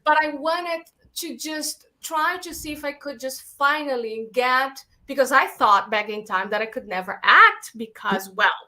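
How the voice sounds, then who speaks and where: A woman from America, a guest telling stories about her career in lively casual chat. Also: high-pitched, unhurried. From Latin America. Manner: animated storytelling, acts out her own past thoughts in quotes. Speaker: guest filmmaker.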